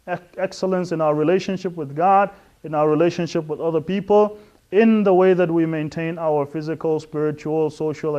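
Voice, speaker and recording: A middle-aged Islamic lecturer from West Africa gives an earnest introductory talk on religion in a high-pitched voice, and the audio sounds dull. He explains step by step, pausing and restarting often.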